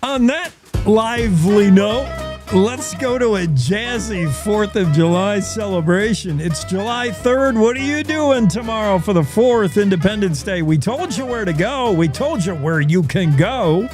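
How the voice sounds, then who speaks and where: A man's voice: high voice, lively intonation, measured pace, music in the background. A man hosting a news show, giving folksy, opinionated commentary and repeating his points.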